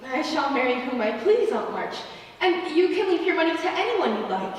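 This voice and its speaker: A woman's voice: high-pitched, sing-song, normal speed. A woman playing an earnest, modest but proud young woman in a stage play, speaking in a proper manner. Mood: defiant, proud. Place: theater stage, recorded from the audience area. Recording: echoey theater, distant mic, faint noise.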